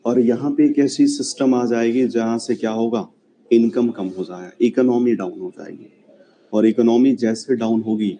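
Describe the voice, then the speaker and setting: A man's voice: medium pitch, fairly even intonation, moderate pace, mellow, slight background noise, rough recording. A man lecturing a classroom on history, chatty and often checking whether students follow. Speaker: history teacher.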